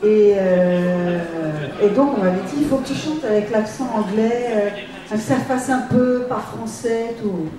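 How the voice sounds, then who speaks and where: A woman's voice: medium pitch, a little slow, a crowd in the background. A woman who sings cartoon theme songs, telling studio stories with a laugh on a convention panel. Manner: laughing, chatty storytelling. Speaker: cartoon theme singer, guest. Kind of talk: anecdotal convention panel talk. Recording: echoey hall, distant mic.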